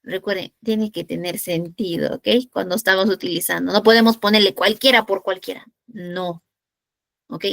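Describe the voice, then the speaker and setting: A woman's voice: mid-range voice, steady tone, normal speed, gravelly, fairly bright tone, no echo. A woman from Peru teaching an online English class, patiently checking in with the students and asking rhetorical questions.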